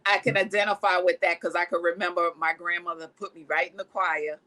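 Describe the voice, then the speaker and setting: A woman's voice: on the low side, level tone, a little fast, pushed and bright, poor audio. A woman hosting a faith-based TV talk show, introducing and interviewing a guest with effusive praise.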